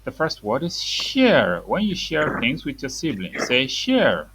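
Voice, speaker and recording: A woman's voice: very deep voice, huge pitch swings, unhurried, fairly bright tone, slight background noise, low-quality recording. A woman teaching reading to a young child, saying words for the child to repeat and explaining them simply.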